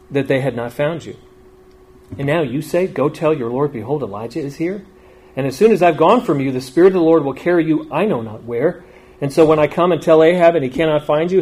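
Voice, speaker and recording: A man preaching in a church, reading scripture aloud with slow, emphatic phrasing and then speaking to the congregation. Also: on the high side, warm tone, slightly rough. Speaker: pastor.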